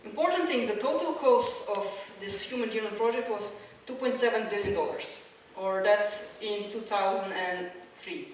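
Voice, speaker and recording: A woman's voice: mid-range voice, moderate pace, few pauses, slight background noise. Woman lecturing in an echoey hall. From Croatia. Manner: explanatory, with many fillers and restarts. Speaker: science lecturer. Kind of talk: public science talk with slides. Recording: echoey hall, mic at a distance.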